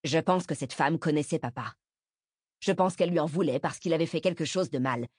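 A fed-up teenage boy , voiced by a woman narrator, pushes his questions in a low, firm tone. The storybook reading sounds close and dry. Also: brisk, a little mellow, breathy edge, dry recording. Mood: probing.

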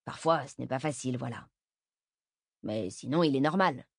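A woman's voice: a bass voice, moderate pace, breathy edge, no echo, clean studio sound, voice pushed down, exaggerated voice. A woman voicing an awkward, reluctant teenage boy in an audiobook, hesitant and trailing off. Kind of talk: audiobook character voice.

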